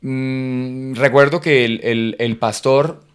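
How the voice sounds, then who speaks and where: A man's voice: medium pitch, steady tone, takes it slowly, clean tone. A middle-aged man from Cúcuta, Colombia, with a Cúcuta accent, sharing a personal faith testimony as an interview guest in a reflective, hesitant way. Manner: reflective, hesitant, many fillers.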